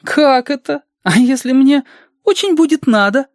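A reader putting on Reshka, a high eager boy. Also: lively intonation, measured pace, no room sound, studio quality. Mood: cheeky. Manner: high, pleading, restless. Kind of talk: audiobook reading.

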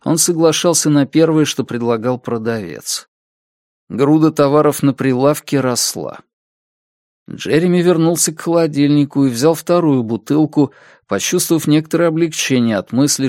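A man reading an audiobook with measured, even storytelling narration. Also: medium pitch, no room sound, studio quality. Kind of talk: scripted narration.

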